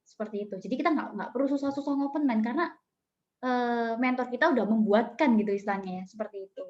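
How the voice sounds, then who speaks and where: A woman's voice: on the high side, fast, a little mellow, muffled recording. Chatty woman mentor on a call. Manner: chatty, filler-heavy, addresses audience often. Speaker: business mentor. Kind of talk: coaching talk and storytelling.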